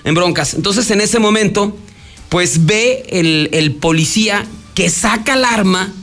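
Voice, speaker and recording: On news radio, a man with a Mexican Spanish accent retells a court hearing, rambling and conversational, with frequent restarts and acted-out quotes. He speaks a little slowly in a high, slightly bright voice over soft background music.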